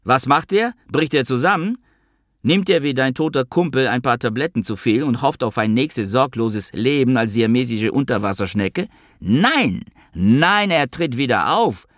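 A man's voice: mid-range voice, animated, normal speed, no echo, clean studio sound, voice pushed up, lightly acted. A man doing a furious ranting Druze soldier. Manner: shouting, ranting, crude. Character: agitated, bitter male Druze soldier, volatile and aggressive. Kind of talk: audiobook character voice.

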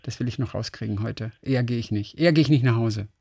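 The audio here is very noisy. A middle-aged man co-hosting a radio program chats casually and rambles while hunting for words. He speaks at a medium pitch and a quick pace, in a creaky voice.

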